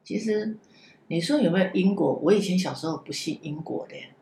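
A woman telling a personal story in a casual podcast chat, halting and repeating words as she goes. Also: on the low side, mellow. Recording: roomy echo, faint background hiss.

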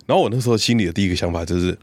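A man with a Taiwanese Mandarin accent, a podcast co-host telling a story in casual chat, animated and often laughing as he goes. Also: low-pitched, very fast, dry recording.

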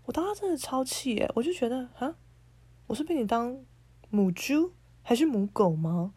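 A woman's voice: fairly high pitch, lively intonation, moderate pace, mellow, breathy edge, no room sound. A woman, hosting a podcast as a casual monologue and ranting in an indignant, blunt, sarcastic way. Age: 30s. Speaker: podcast host.

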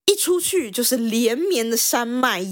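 Animated woman telling a story. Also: fairly high pitch, measured pace, dry recording, studio quality. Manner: animated, acts out characters' lines. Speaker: podcast co-host. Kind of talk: casual storytelling chat.

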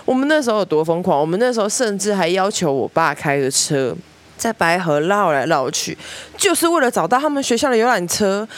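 Young taiwanese woman podcasting, lively storyteller, acts out her family's voices. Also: medium pitch, fairly quick. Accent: Taiwanese Mandarin. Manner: lively storyteller, mimics family members, laughs often. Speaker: podcast host. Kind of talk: storytelling monologue.

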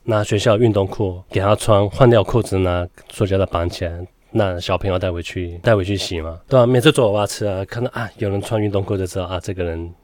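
A low-voiced man with a Taiwanese Mandarin accent rattles through a story at a quick clip. He swears casually, laughs often, and the sound is dry and close. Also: darkish tone, no room sound. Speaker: podcast host.

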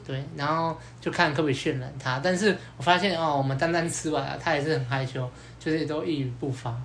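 A man, hosting a podcast and telling a story in a casual, animated way, acting out both sides of the dialogue with many fillers. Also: a little high, fast, a little hiss or hum. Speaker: podcast host.

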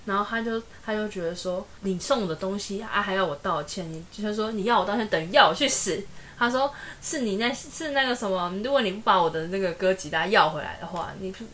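A woman's voice: medium pitch, fast, a bit bright, slight background noise. A woman, co-hosting a casual podcast chat and retelling a story with acted-out quotes. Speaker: podcast co-host.

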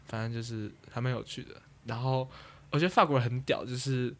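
A young man talks fast in a casual podcast chat. He rambles through his story, trails off and picks it back up. His pitch sits in the middle range. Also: fairly even intonation, fairly bright tone. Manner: rambling storyteller, trails off and restarts, laughs at own jokes. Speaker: podcast co-host.

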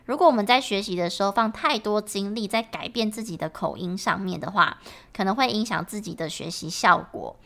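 A woman's voice: medium pitch, brisk, creaky, pushed and bright. A woman with a Taiwanese Mandarin accent, an English teacher explaining patiently in a podcast lesson.

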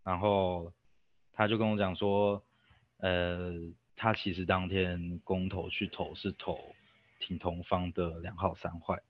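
Low-voiced young Taiwanese man telling a story. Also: level tone, slow pace, no room sound, dull audio. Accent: Taiwanese Mandarin. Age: young adult. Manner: rambling, self-interrupting with fillers. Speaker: guest. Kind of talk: casual storytelling.

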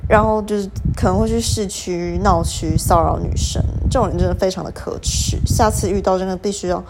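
Young woman, casual podcast storytelling, animated, acts out quoted lines. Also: medium pitch, a little fast, background noise. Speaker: podcast host.

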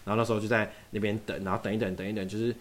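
A man's voice: on the low side, level tone, rapid-fire, slight background noise. A young man from Taiwan telling a long story in casual chat, acting out both sides of every exchange. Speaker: podcast guest.

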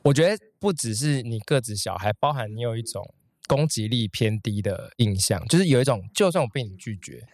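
Very low-voiced teasing woman. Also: lively intonation, darkish tone, no echo. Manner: teasing, quick dry quips. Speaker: podcast co-host. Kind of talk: casual chat.

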